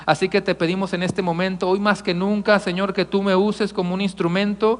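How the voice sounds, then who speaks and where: A man's voice: sits high, little pitch movement, a little fast, in a large hall. A man from Mexico preaching a conversational sermon as pastor, addressing the congregation as brothers. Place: church sanctuary.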